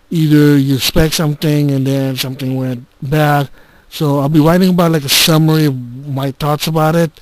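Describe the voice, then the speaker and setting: A man's voice: on the high side, darkish tone, dry recording, low-quality recording. Man on a handheld dictaphone-style recording. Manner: halting, with frequent restarts and filler words. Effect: recorded on a handheld game console's voice recorder, dictaphone-like. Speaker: gaming channel host. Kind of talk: casual spoken update. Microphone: handheld game console's built-in recorder.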